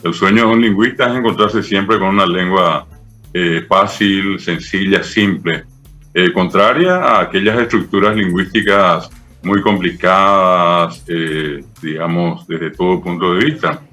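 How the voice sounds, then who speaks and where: Un hombre de mediana edad con acento paraguayo, profesor invitado que explica con paciencia y muchos "eh" y "¿verdad?". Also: male voice, low voice, a little slow, bright, forceful tone, faint music behind. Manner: patient, didactic, many fillers "eh" and "¿verdad?". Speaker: Guaraní language professor, guest. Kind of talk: explanatory interview talk.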